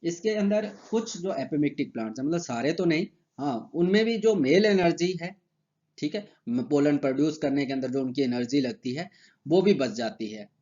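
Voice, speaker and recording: A man giving a horticulture lecture in a casual explaining manner. He reads English phrases slowly, then explains them in Hindi with many fillers, speaking English with an Indian accent. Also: on the high side, animated, dark tone, highs cut off. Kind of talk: recorded university lecture.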